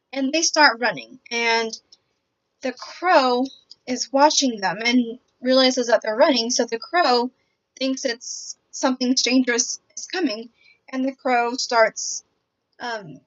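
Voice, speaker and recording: A woman giving a picture book summary in a hesitant, halting way, often pausing mid-sentence. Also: a little high, fairly bright tone. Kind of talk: semi-scripted picture book summary presentation. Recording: dull, lo-fi audio.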